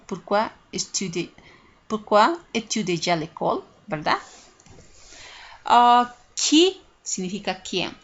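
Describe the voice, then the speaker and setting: A woman teaching a recorded lesson at a middle pitch, walking through each rule and checking understanding with frequent tag questions. The sound is dull and lo-fi.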